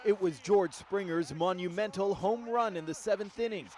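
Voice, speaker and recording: A man's voice: sits high, normal speed, crowd noise. A man reporting for TV news from outdoors by a ballpark, with an upbeat, punchy scripted delivery.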